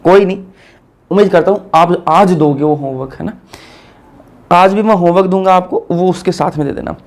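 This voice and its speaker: A man's voice: high voice, moderate pace. A young man giving a casual lecture, chatty, asking his students questions and answering them himself. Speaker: teacher.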